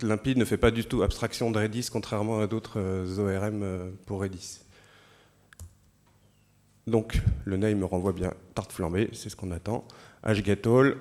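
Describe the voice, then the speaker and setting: A man's voice: lowish voice, darkish tone. A man with a French accent giving a conference talk, explaining a live code demo step by step with fillers. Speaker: conference speaker.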